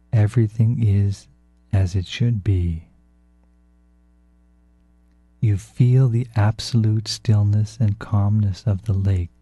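A man narrating a guided relaxation in a soft, hushed, calm and unhurried way, as a meditation guide. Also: fairly low pitch. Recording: dull, roomy, echoing sound.

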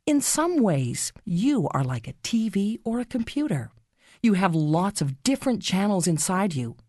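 Slow, expressive woman guiding a children's meditation. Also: medium pitch, no room sound, clean studio sound. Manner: slow, soothing, gently instructing. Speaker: guided relaxation narrator for children. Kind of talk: scripted guided meditation story.

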